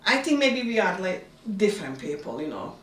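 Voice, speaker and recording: A woman's voice: mid-range voice, big pitch swings, moderate pace, echoey room, far from the mic. A woman from Bosnia, talking freely with many fillers and loose grammar in a documentary interview. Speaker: refugee interviewee.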